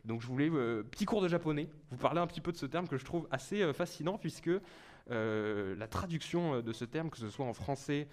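A man's voice: on the high side, lively intonation, fairly quick. A man hosting a casual quiz among friends, explaining answers at length with mock-formal asides. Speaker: quiz host.

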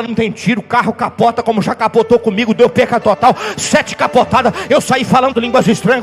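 A man preaching as a pastor, telling stories with fiery energy and shouting at the peaks. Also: very high voice. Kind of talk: sermon. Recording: reverberant hall with faint music.

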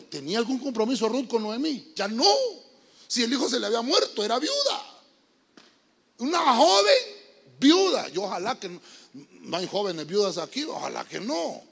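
A man's voice: high-pitched, very animated, normal speed, gravelly, fairly bright tone, breathy edge. A man preaching a youth sermon as pastor, emphatic and calling his listeners brother while quizzing them. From Honduras. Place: church sanctuary. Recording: long reverb of a church hall.

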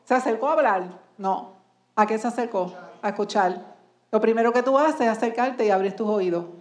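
Woman preacher, slightly high voice, questioning, reverberant church hall. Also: moderate pace. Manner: asks the congregation many rhetorical questions. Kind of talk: sermon.

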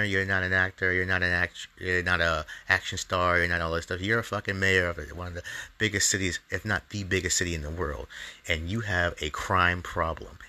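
A man's voice: deep voice, bright, forceful tone. A man hosting his own show, delivering an angry, profane opinion monologue in a heated, ranting way. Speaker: comedian podcast host.

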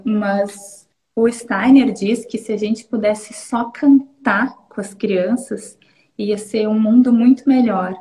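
A woman's voice: mid-range voice, dark tone, low-quality recording. A woman educator from Brazil, explaining conversationally with examples during a live talk.

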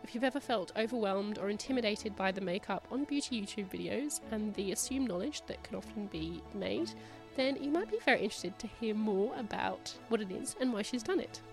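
A woman's voice: medium pitch, expressive, a little fast, soft background music. A woman hosting a podcast, reading a scripted intro and asking interview questions, her voice nasal from a cold. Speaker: podcast host.

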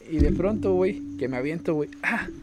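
A man's voice: a little high, moderate pace, over a noisy crowd. A young man with a Mexican accent, telling childhood stories in a slangy casual chat, laughing at his own tales. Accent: Mexican Spanish. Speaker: podcast co-host.

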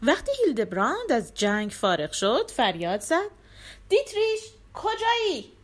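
A woman's voice: mid-range voice, very animated. A woman storyteller narrating a folk tale in a scripted, dramatic reading.

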